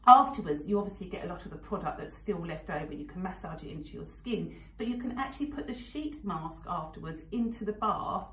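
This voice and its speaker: A woman's voice: on the low side, brisk, few pauses, a bit bright, roomy sound, slight background noise, low-quality recording. A woman in her forties presenting on the radio, chatting frankly with plenty of fillers and asides. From England. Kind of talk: casual radio chat. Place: radio studio. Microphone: studio microphone.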